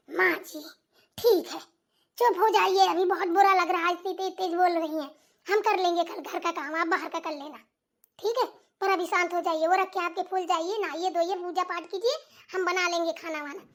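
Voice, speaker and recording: Patient cartoon daughter-in-law, high voice, calming and explaining, as a woman voices her. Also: normal speed. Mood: soothing. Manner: pleading, soothing, explaining. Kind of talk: voice acting for a comedy cartoon.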